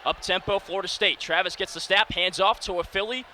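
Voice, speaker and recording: A man in his early twenties with a high, fairly quick voice handles live radio play-by-play of a football game, his phrasing clipped and energetic. He works inside a domed stadium, where a steady wash of crowd ambience sits behind him.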